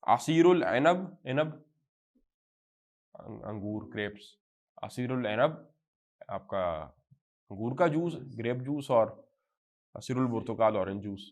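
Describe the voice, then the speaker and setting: A man with a Pakistani accent teaching Arabic to a live class. He spells out example phrases slowly and then explains them in quick bursts. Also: mid-range voice, animated. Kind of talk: classroom lecture.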